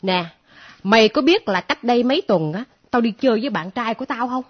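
A woman playing a brash husky spinster near forty. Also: a little high, animated, brisk. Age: late 30s. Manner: brash, blunt, defensive. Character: picky unmarried woman near forty, scorns men. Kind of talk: comedy sketch acting. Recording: dull lo-fi recording.

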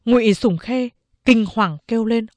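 A woman reads a novel aloud in a measured, dramatic storytelling manner. Her voice is slightly high and her delivery slow. The recording is dry and close. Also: a little mellow, no room sound. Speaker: audiobook narrator. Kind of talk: novel narration.

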